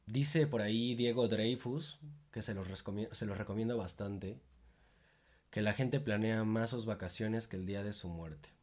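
A man's voice: fairly low pitch, moderate pace, darkish tone. A young man with a Mexican accent hosting a reflective monologue, informal and full of swearing, rising into emphatic bursts. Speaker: podcast host.

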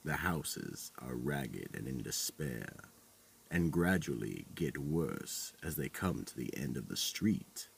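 A man hosting and narrating scripted horror as a theatrical, sinister horror host, with a gravelly, husky voice and drawn-out delivery. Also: rumbling low, very animated, a little hiss or hum. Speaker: host and narrator of a horror audio drama series.

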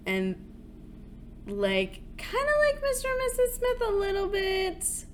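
A woman co-hosting a podcast in casual, comedic chat, chatty and quick to laugh. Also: very high voice, huge pitch swings, a little hiss or hum. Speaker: podcast co-host.

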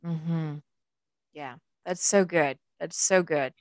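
Affirming woman host, low voice. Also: slow, no echo, clean studio sound. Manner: affirming, lots of soft agreement sounds. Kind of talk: interview hosting.

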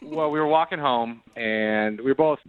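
A man in his late twenties calls into a radio show and tells his story in a sheepish, rambling way. His voice is medium-pitched and clean, at a moderate pace. The tinny phone line sounds dry.

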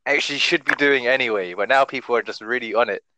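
A man's voice: medium pitch, fast, pushed and bright, dry recording, poor audio. A man chatting casually in emphatic slang. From Britain.

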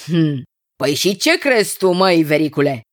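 A woman's voice: low voice, very animated. A woman voicing a skeptical, blustering old king who questions his cousin. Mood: doubtful.

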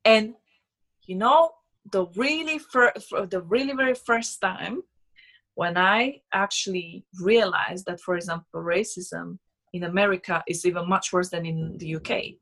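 Speaking English with a Slovak accent, a young woman from Slovakia who owns a business chats as a guest in a casual personal conversation. Her lowish, slightly bright voice moves unhurriedly, and she sounds earnest and emphatic, repeating words often.

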